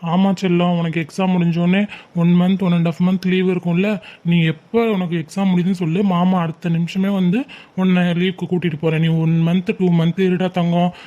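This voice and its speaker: Soft coaxing young uncle, keeps asking "okay?", lowish voice. a woman plays him. dull recording. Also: little pitch movement, a little fast, natural voice. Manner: soothing, coaxing, repeats "okay?". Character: young male uncle, college student, gentle and coaxing.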